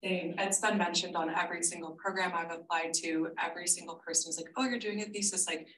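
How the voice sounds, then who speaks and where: A senior thesis student in her twenties explains her research in a friendly, casual info session. She talks fast with fairly even intonation, and her voice is on the low side and a bit bright. The room is echoey, she's far from the mic, and there's faint noise.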